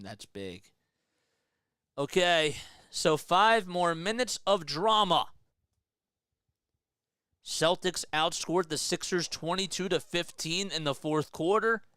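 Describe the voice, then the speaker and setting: A young man doing live fan play-by-play of a basketball game, excitable, yelling at big plays and dropping to a hushed mutter between them. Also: fairly high pitch, clear, resonant tone, no room sound, clean studio sound.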